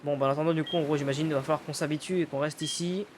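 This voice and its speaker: A man's voice: a little high, steady tone, very fast, background noise. A man giving casual let's-play commentary, thinking aloud, swearing casually and loosely paraphrasing the game's dialogue. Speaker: gaming YouTuber.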